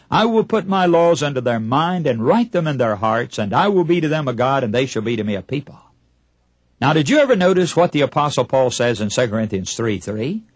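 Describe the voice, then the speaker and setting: A radio preacher delivers a broadcast Bible sermon in a medium-pitched, slightly breathy voice, with no room sound. He is emphatic, fires rhetorical questions at his listeners, and acts out short imagined dialogues.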